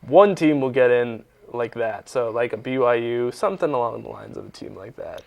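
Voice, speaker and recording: A man's voice: mid-range voice, moderate pace, vocal fry, darkish tone. A young man co-hosting a sports talk show, chatting casually and teasing his partner with sarcastic jokes.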